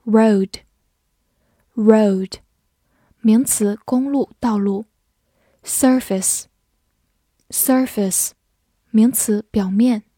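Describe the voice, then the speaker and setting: A woman's voice: fairly high pitch, extremely slow, long pauses, warm tone, no room sound, studio quality. A woman teaching English vocabulary, saying each word twice and then giving its meanings, in scripted lesson narration.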